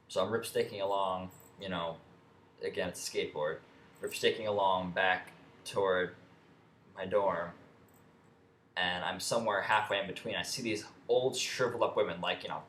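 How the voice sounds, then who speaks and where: In an echoey room with faint ambient noise, a young adult male vlogger with a low, fairly bright voice tells a rambling, profane story. This casual rant is full of restarts and fillers.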